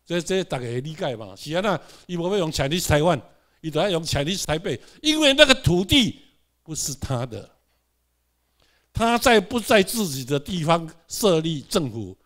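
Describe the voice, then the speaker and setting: A man's voice: a little high, sing-song, normal speed, fairly bright tone. A man with a Taiwanese accent giving a classroom lecture, asking the audience rhetorical questions and having them repeat words. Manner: mixes in English words.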